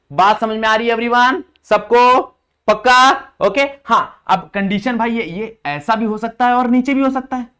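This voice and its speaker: This physics tutor is a young man from India whose very high voice sounds smooth and a bit bright. Lecturing in Hindi sprinkled with English terminology, he repeats each idea, quizzes the class, and slows down markedly on formula lines in English.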